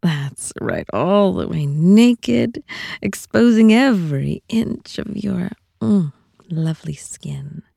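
A woman speaking slowly in a teasing, often whispered voice for an intimate audio roleplay. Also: fairly low pitch, big pitch swings, gravelly, warm tone, husky, no echo, studio quality. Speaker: audio content narrator.

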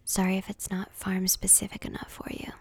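Whispered role-play: woman doing a deadpan teen farm boy, flat and creaky. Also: medium pitch, brisk. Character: guarded teenage farm boy, dry and deadpan.

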